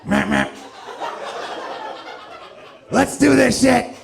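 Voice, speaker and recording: A man playing a frantic, meth-fueled trucker who yells with wired urgency, in a stand-up bit. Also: very high voice, wildly swooping pitch, normal speed, gravelly, reverberant, a little hiss or hum, voice pushed up, full character voice. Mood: wired, yelling.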